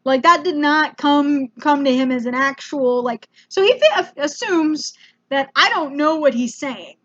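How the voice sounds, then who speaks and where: An American woman telling a comedic travel story in an animated, self-mocking way, with casual swearing. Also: high-pitched, highs cut off. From United States.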